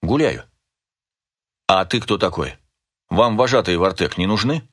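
A man voicing a calm male army captain who speaks in a dry, restrained way. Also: low voice, moderate pace.

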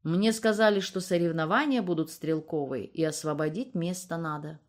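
A woman's voice: fairly low pitch, moderate pace, close to an everyday voice. A woman voicing a reserved young man on a work trip who answers guardedly. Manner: guarded and evasive. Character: reserved young male visitor on business.

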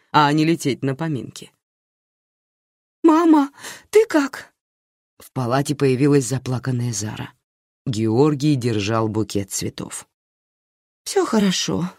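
A woman narrating an audiobook with lively storytelling intonation. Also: low voice, no echo, clean studio sound. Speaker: audiobook reader.

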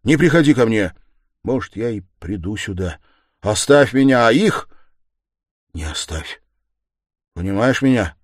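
A troubled, brooding young man, read by a male narrator in an audiobook, halting and strained yet insistent. The voice sits low. The sound is dry. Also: lively intonation, no room sound.

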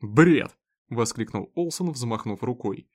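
A man narrating an audiobook in an expressive, dramatic reading. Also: mid-range voice, moderate pace.

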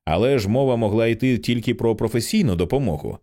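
A man narrating an audiobook with an expressive, dramatic reading. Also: medium pitch, fast talker.

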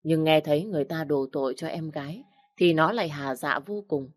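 A woman narrating an audiobook story in a steady storytelling manner. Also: deep voice, brisk, dry recording, studio quality. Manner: steady storytelling, voicing every character.

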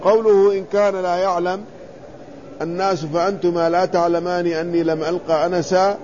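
A man teaching a classical hadith commentary, reading the text aloud and explaining it in a measured, deliberate way, carefully spelling out letters and vowels. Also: high-pitched, little pitch movement, a little mellow, lo-fi sound, a little hiss or hum.

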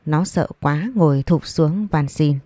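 A woman's voice: low voice, measured pace, warm tone, dry recording, clean studio sound. A woman reading a story aloud, voicing every character in her own voice. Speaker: story narrator. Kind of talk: audiobook narration with dialogue.

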